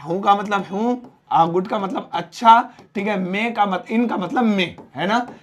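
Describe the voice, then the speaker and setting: A young Indian man teaches a spoken English lesson in a fairly high voice. He breaks English example sentences into slow, separate words so students can follow. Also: a little hiss or hum. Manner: explains slowly, spelling out English example sentences word by word.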